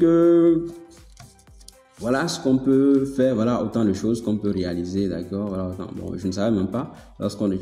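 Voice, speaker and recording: A man hosting a casual software tutorial, talking it through step by step, repeating himself and checking in with his listeners. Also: low-pitched, creaky. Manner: chatty, filler-heavy explaining. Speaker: tutorial host. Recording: echoey room, long reverb, faint music.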